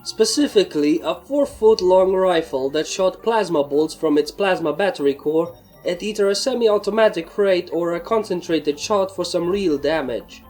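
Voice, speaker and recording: A woman's voice: fairly low pitch, expressive, moderate pace, darkish tone, soft background music. Woman reading a fan story aloud. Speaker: fanfic reader. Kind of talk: first-person story narration.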